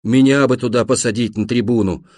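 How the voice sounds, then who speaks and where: A man reading an audiobook and voicing a deaf, bedridden grown man who talks loudly in a deep, husky voice. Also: steady tone, brisk, dry recording, studio quality, close to an everyday voice. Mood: loud, gruff.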